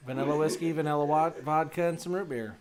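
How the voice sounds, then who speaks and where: A man playing a tabletop game, telling funny stories in an animated, joking way. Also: on the high side, fast, crowd noise. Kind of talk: casual tabletop game chat. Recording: echoey room.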